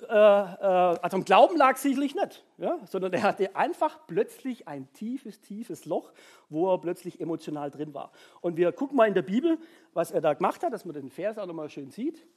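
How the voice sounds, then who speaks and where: A husky-voiced preacher gives an informal sermon. The pitch swings widely as the story is told with little sighs and sound effects. Nearly every sentence ends in a questioning "ja?" aimed at the congregation. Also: sing-song, moderate pace, darkish tone.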